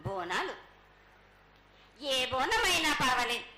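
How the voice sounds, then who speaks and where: A woman's voice: high voice, big pitch swings, takes it slowly, pushed and bright. A woman speaking as an oracle, making ritual pronouncements in the voice of a goddess. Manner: oracle-like, declaring blessings and assurances in first person as the goddess. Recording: echoey live event with background noise.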